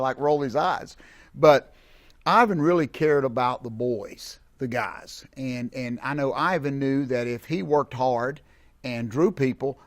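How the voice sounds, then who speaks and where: A man's voice: medium pitch, no room sound. A man, a fellow wrestler, speaking earnestly and fondly in a tribute interview. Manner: earnest, fond praise.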